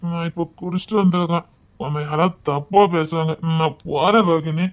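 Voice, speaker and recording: A woman's voice: low voice, fairly even intonation, fairly quick, lo-fi sound, close to an everyday voice. Woman playing heartbroken drunk young man, Tirunelveli accent, faltering, stammering, pleading. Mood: tearful. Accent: Tirunelveli Tamil. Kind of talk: amateur dramatic dialogue.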